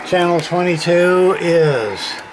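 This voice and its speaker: A man with a high, lively voice talks slowly and casually through a hands-on radio repair demo at a home workshop bench, speaking in terse, offhand, folksy fragments. The room is noisy, with radio static and CB radio chatter in the background.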